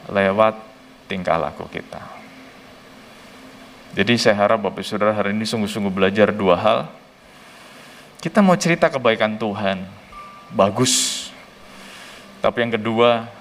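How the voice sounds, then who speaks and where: A male pastor preaching a sermon in a casual, colloquial way. He tells stories animatedly and acts out dialogue with sudden jumps in pitch. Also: moderate pace, pauses often, a little hiss or hum. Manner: casual colloquial Jakarta-style speech.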